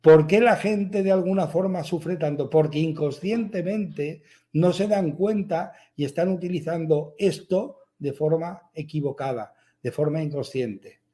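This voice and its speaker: A man's voice: a little high, measured pace, warm tone. A man giving a motivational spiritual talk, repeating his points emphatically and asking rhetorical questions. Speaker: spiritual speaker.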